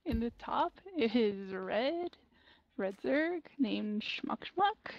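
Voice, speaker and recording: A woman's voice: a little high, animated, very slow, gravelly, no room sound. A woman co-commentating a game over a microphone that keeps cutting in and out. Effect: mic cutting in and out. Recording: dull lo-fi mic with faint noise, voice dropping away.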